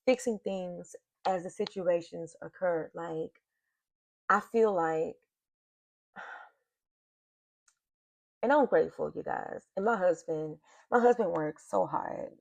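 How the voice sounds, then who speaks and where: A woman's voice: fairly low pitch, takes it slowly, vocal fry, long pauses, no room sound. A middle-aged woman, talking to her viewers in a casual confessional vlog from her home office, emotional and sighing as she speaks. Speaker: vlogger. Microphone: computer mic.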